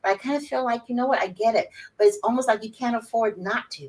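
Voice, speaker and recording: A woman in her sixties, outspoken and animated, chatting as an interview guest. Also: a little high, fast talker, far from the mic, low-quality recording. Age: 60s. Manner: animated, outspoken, laughs often. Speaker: guest, wellness summit organizer. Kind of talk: casual interview chat.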